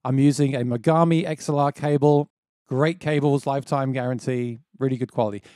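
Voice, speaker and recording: The man, in his thirties, keeps a steady tone and a fairly quick pace, and his voice sounds warm; he himself describes it as quite low. He's hosting a casual music gear tutorial with enthusiastic step-by-step explanations, recorded on a close boom-mounted dynamic mic in a small home studio with no room sound.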